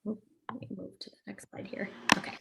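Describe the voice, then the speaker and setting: Speaking fast over heavy background noise, a woman who is a speech-language pathologist gives a webinar. Her explanations are relaxed and full of fillers.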